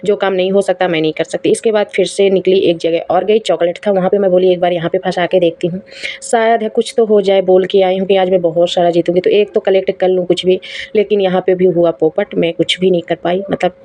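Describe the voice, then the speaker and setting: Young mom vlogger, quick chatty narration, low flat voice. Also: female voice. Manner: chatty, laughing, addresses viewers as guys. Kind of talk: casual vlog voice-over narration.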